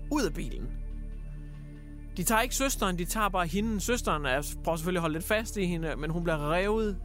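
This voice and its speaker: A man hosting a casual radio show, telling stories in an animated way and acting out quotes with lots of fillers. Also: high-pitched. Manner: animated storyteller, acts out quotes, many fillers. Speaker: radio host. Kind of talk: casual chat, retelling news stories.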